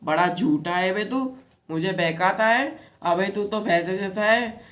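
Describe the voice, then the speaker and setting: A woman's voice: mid-range voice, a little slow, natural voice. A boisterous young strongman read by a woman teacher chants and taunts at full voice. He is carefree and cocky, read as part of a class play. The voice stays close to the teacher's everyday one. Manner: loud chanting and laughing. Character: mighty carefree young man, loud and mocking.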